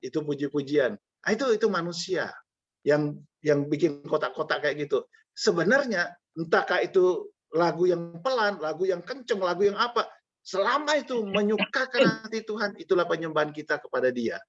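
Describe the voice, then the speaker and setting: A man's voice: sits high, expressive, moderate pace, a bit bright, muffled recording. A man preaching a sermon in a conversational way, with jokey asides to the congregation.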